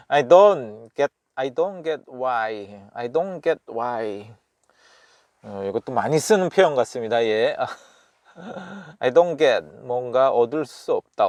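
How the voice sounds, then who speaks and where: A man talks his way through a study session, chuckling now and then and repeating short phrases again and again. His pitch rises and falls in a lively way and his pace is very slow. The sound is dry and close, with no room echo. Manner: chuckling, repeating phrases slowly and thinking aloud. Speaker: self-taught language learner. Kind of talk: casual study commentary.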